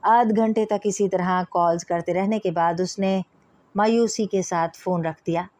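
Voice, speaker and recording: A woman narrating a romantic novel in a steady, measured storytelling voice. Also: medium pitch, no room sound. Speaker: audiobook narrator. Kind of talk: novel reading.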